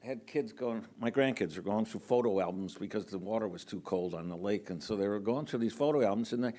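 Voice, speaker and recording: An older man speaking off the cuff at a city council meeting, halting with frequent ums and restarts. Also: lowish voice, dark tone. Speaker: public commenter. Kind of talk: unscripted public comment.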